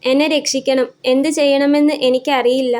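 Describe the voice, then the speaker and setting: A woman voicing a frightened young woman in a story, crying and pleading softly for help. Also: sits high, flat delivery, moderate pace, natural voice. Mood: tearful pleading. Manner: pleading, soft.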